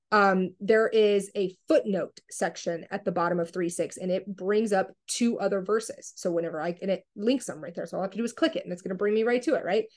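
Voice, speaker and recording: Woman preaching bible stuff, worked up, keeps asking questions, mid pitch. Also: a little mellow. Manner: heated, preachy, rhetorical questions. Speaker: faith teacher. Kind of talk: impassioned Bible teaching.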